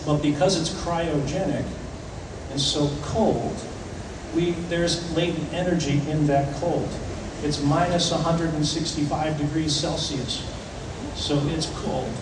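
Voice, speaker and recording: A man speaking as a ship's captain, answering audience questions informally, in a conversational way with deliberate pauses. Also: fairly high pitch, steady tone. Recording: echoey venue, distant, clearly noisy ambience.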